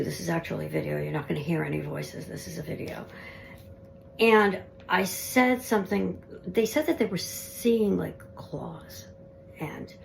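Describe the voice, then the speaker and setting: A woman's voice: on the low side, vocal fry, slight background noise. A woman paranormal investigator narrating her ghost recordings in a conversational, earnest way. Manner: conversational, earnest, explaining clips.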